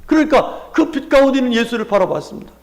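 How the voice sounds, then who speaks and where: A man's voice: very high-pitched, very animated, quick pace. A male pastor with a Chungcheong accent preaching a Sunday sermon, asking the congregation rhetorical questions and often calling out hallelujah. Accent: Chungcheong Korean. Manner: frequent exclamations of hallelujah.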